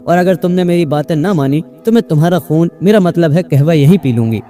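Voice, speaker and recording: A man's voice: a little high, dark tone, soft background music, lightly acted. A man putting on a teasing, coy witch. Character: teasing, playful female witch spirit.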